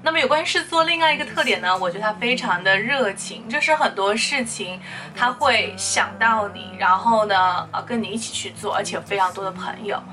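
A woman teaching spoken English, explaining words and repeating them slowly for practice. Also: mid-range voice, sharp tone, recorded from a distance, soft background music.

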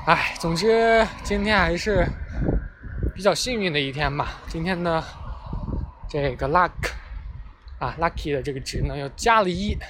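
A man's voice: a little high, lively intonation, a little slow, pauses often. A young man casually telling a funny story, chatty and self-mocking, talking outdoors near traffic. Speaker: vlogger. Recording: clear street and traffic noise behind. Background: passing vehicles.

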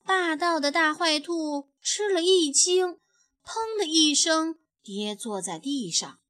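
Brief: woman storyteller, high bright tone, unhurried read-aloud pacing, expressive and gentle. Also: dry recording, studio quality. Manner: gentle, expressive, drops softly at sentence ends. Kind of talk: picture-book read-aloud.

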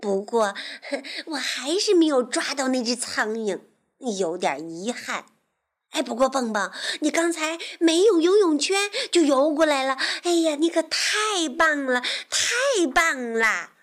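A woman voicing an excitable little boy frog in a children's storybook, exclaiming playfully. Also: on the high side, takes it slowly. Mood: cheerful.

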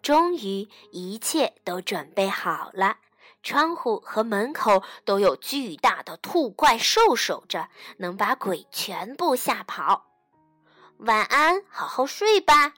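A woman reading a children's bedtime story aloud in a gentle, expressive way. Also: mid-range voice, slow, no room sound, faint music behind.

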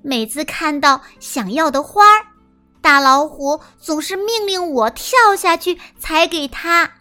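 A woman telling a children's story as a small timid mouse, in a sweet, expressive, sing-song manner. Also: sits high, measured pace, faint music behind.

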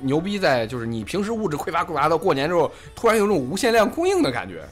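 A man co-hosts a casual chat. He talks quickly with very lively, swinging intonation, over clearly audible background music. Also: a little high. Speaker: talk show co-host.

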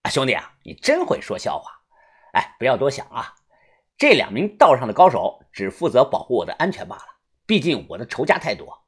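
A man voicing a smooth-talking, chummy gang boss in an audiobook, who drags out his fillers. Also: medium pitch, huge pitch swings. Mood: jovial. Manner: folksy, drawn-out fillers like "ah" and "hey". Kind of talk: audiobook character voice.

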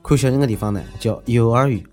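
A man's voice: medium pitch, fast, a little mellow, soft background music. A man with a Shanghai accent hosting a comic news commentary, speaking in a sarcastic, mocking, conversational way.

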